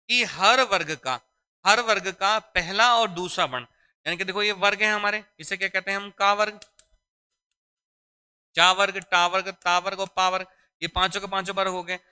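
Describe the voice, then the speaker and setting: Bright, crisp-voiced male Hindi teacher. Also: high-pitched, fairly even intonation, moderate pace. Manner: repetitive, drilling phrases and quizzing students; addresses students as "beta". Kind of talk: exam-prep classroom lesson.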